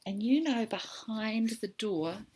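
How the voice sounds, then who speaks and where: A woman's voice: on the high side, slow pace, background noise. A woman, an ESOL teacher reading a picture book aloud and asking her students questions about it. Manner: warm questioning, asks the class about the pictures.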